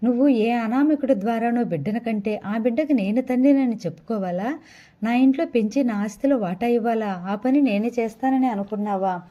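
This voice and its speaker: A woman's voice: a little high, a little fast, mellow, lo-fi sound, close to an everyday voice. A woman reading the part of a stern, suspicious fifty-year-old husband who fires harsh, accusing questions. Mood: angry.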